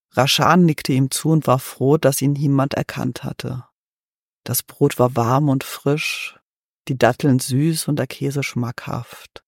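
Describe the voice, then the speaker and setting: A man narrating a fairy-tale story in a measured, even reading. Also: mid-range voice, gravelly, no echo, clean studio sound.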